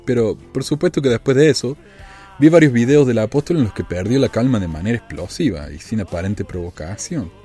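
A man's voice: mid-range voice, expressive, brisk, mellow, faint music behind. A man hosting a talk show, giving wry, chatty commentary on the news with frequent rhetorical questions. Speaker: podcast host. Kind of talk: casual commentary.

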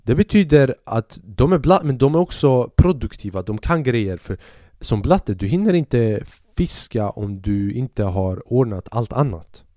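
A man's voice: medium pitch, very animated, hardly any pauses, dark tone, no room sound, clean studio sound. A man hosting a podcast who tells a comic story in a casual, slangy style, often swearing. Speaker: podcast host.

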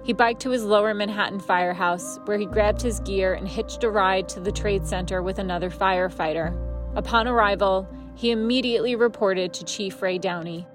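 A woman reading scripted documentary narration in a measured, solemn manner. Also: mid-range voice. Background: music.

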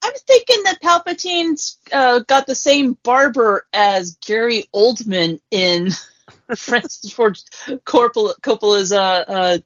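A woman with a fairly high voice takes her time over joking film commentary as a podcast co-host. Her pitch moves a lot, recorded close and dry. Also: lively intonation, takes it slowly, a bit bright, no echo. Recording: dry, slightly dull audio.

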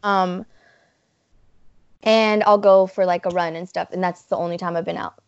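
A woman's voice: fairly low pitch, fairly even intonation, normal speed, clean tone, dull audio. A young woman, a student guest chatting casually with lots of "like". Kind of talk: casual interview chat.

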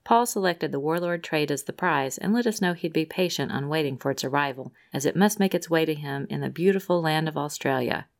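A woman's voice: sits low, brisk, creaky, hardly any pauses. A woman co-hosting a podcast, reading listener mail with upbeat emphasis on the quotes. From Rhode Island, USA. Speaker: podcast co-host.

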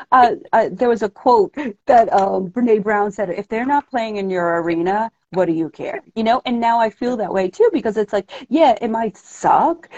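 A woman's voice: fairly high pitch, darkish tone. Chatty East Coast woman, dull sound. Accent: New York. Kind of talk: casual chat.

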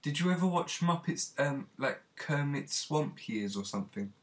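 A man's voice: on the high side, animated, normal speed. A man co-hosting a casual comedy chat about films, with dry, wry banter. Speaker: co-host.

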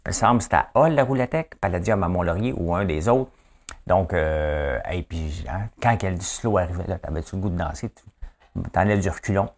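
A man in his fifties with a Quebec French accent hosts a casual chat presenting trivia, joking around and putting questions to his audience. His voice is deep and a little fast.

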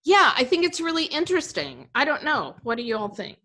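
A woman chats casually as a podcast co-host. Her voice is fairly high and quite bright, with a forward edge. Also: big pitch swings, brisk. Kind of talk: casual chat, personal anecdote.

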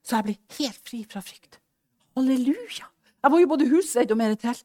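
A middle-aged woman preaching a sermon, fervent and swinging between hushed speech and loud exclamations, acting out the prayers and dialogue she retells. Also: high voice, lively intonation. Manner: acts out quoted prayers and dialogue.

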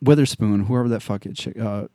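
A man talking in a casual, profane rant, constantly swearing and throwing in mocking little voices of the people he scorns. His tone is dark and mellow. The sound is dry and close. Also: fairly low pitch, brisk, dry recording. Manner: heavy swearing, mocking impressions.

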